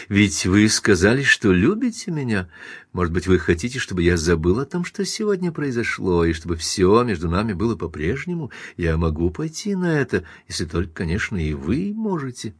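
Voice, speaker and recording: A man reading a commanding, gently insistent businessman in an audiobook, speaking low and unhurried. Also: big pitch swings, breathy edge, no echo, clean studio sound. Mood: tender, coaxing.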